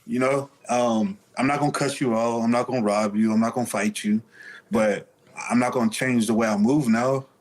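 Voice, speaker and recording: A man's voice: mid-range voice, fairly even intonation, moderate pace. A man speaking candidly as an interview guest, telling stories casually in streetwise slang with some swearing.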